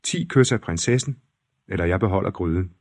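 A man's voice: low voice, lively intonation, vocal fry, a little mellow, dry recording, studio quality, full character voice. A man voicing a cheeky young prince disguised as a swineherd in a storybook reading. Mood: bold.

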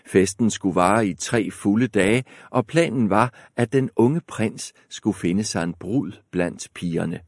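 A man narrating a fairy tale aloud in a calm, measured storytelling manner. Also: lowish voice, dry recording, studio quality.

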